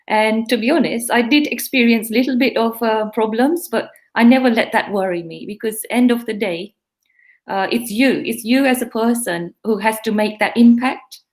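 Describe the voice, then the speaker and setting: A middle-aged East African woman, her accent a blend of East African and English, speaks at normal speed in a slightly high voice. She owns a pharmacy and appears as a guest in a relaxed interview, sounding earnest and reflective.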